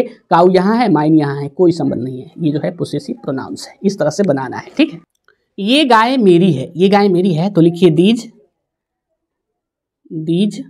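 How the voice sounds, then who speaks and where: A woman teaching an English grammar lesson to students, repeating each example and dictating sentences slowly word by word. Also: lowish voice, warm tone. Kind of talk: classroom lesson.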